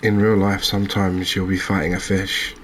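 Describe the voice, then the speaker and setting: The host of a gaming channel plays a fishing game, offering quiet commentary in a low voice with an extremely flat, even intonation. He muses unhurriedly and pauses while searching for words. Faint ambient noise sits behind him.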